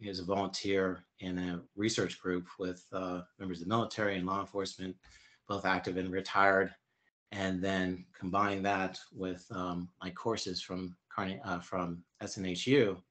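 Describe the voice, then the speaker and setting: Guest, man in his fifties, very deep voice, halting explainer. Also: flat delivery, fairly bright tone. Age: 50s. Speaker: interview guest. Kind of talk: conversational interview answers.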